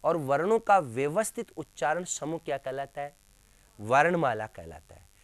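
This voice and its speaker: A man's voice: a little high, very animated, moderate pace, dry recording. A male teacher giving a classroom lecture, asking questions and answering them himself, repeating key terms with emphasis. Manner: addresses listeners as friends, emphatic.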